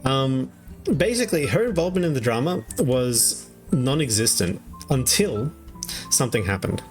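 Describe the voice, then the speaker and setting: A man's voice: medium pitch, animated, moderate pace, faint music behind. A young Australian man streaming, recapping online drama in rambling, casual chat with many fillers and frequent laughs. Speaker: VTuber streamer.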